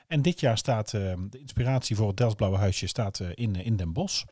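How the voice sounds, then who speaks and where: A man's voice: on the low side, lively intonation, brisk, a little mellow, husky, dry recording, clean studio sound. A man from the southern Netherlands with a Brabant Dutch accent, chatting casually as a podcast co-host.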